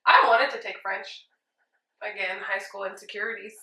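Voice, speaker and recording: Chatty and full of jokes, this young makeup artist host, in her twenties, tells lively stories as she does her friend's makeup at home. Her mid-range voice is creaky and unhurried, recorded in a small, echoey room.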